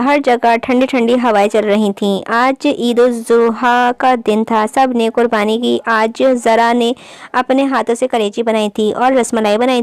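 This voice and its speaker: A woman narrating a romance novel aloud in an even storytelling read. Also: on the high side, smooth, no room sound. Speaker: audiobook narrator.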